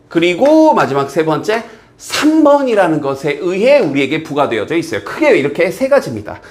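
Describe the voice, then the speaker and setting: A man from South Korea, teaching an English exam passage in a lively lecture, reading English lines slowly and explaining them quickly. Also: fairly high pitch.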